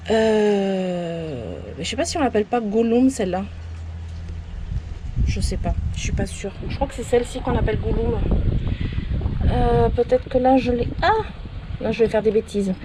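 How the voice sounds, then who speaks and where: A woman's voice: on the high side, moderate pace, long pauses, background noise. A woman giving a casual tour of her potted succulents outdoors, rambling and often unsure of the plant names. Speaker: plant vlogger. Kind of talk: casual show-and-tell tour.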